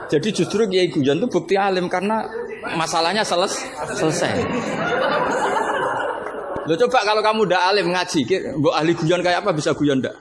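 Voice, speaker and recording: A man with a Javanese accent teaching Islamic law to students in a relaxed religious lecture, telling jokes and stories in an animated way. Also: high-pitched, normal speed, a loud crowd. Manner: joking, animated storytelling with laughter. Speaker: Islamic scholar teaching fiqh. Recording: noisy live recording with ambience.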